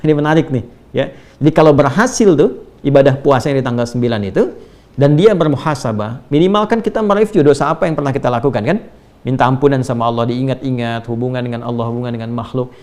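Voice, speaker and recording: An Islamic preacher with a mid-range, darkish voice talks at a quick pace in a sermon-style religious lecture. His manner is conversational: he asks rhetorical questions, adds tag words like "ya", and recites Arabic verses between explanations.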